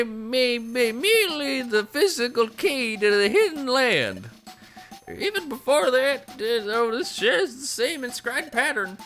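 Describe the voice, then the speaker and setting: A woman doing a slow, musing old man. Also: on the high side, a bit bright, pitched above the performer's own voice.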